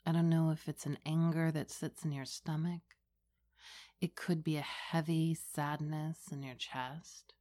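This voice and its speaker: Female meditation guide, low register, very slow and soothing, gentle guided-relaxation delivery. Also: little pitch movement.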